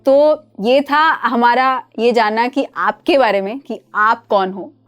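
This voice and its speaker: A woman's voice: on the high side, takes it slowly, faint music behind. A woman hosting a casual show, mixing English phrases into her Hindi and running guests through games. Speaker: show host.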